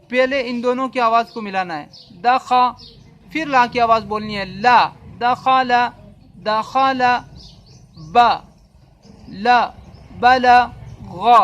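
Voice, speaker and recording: High-voiced man teaching slow reading drills. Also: a bit bright. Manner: patient, repeats each word slowly several times. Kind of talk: spelling-and-reading lesson.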